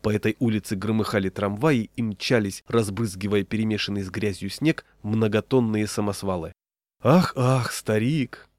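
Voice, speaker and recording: A man narrating a humorous short story in a steady, wry reading voice. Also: on the low side, fairly quick, few pauses, dry recording.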